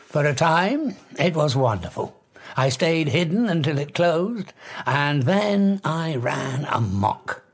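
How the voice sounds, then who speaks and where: Griffin, husky slow-spoken British fugitive scientist. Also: male voice, a little high, big pitch swings, exaggerated voice. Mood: relishing, proud. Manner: theatrical, deliberate, formal. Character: proud, haunted fugitive scientist recounting his deeds. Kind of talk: audio drama storytelling.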